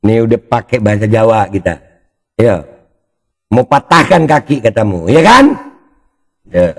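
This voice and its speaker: Gravelly man taunting in slang. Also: on the low side, lively intonation, measured pace. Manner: taunting, exclamatory, addresses opponent directly. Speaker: commentary channel host. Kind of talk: mocking reaction commentary.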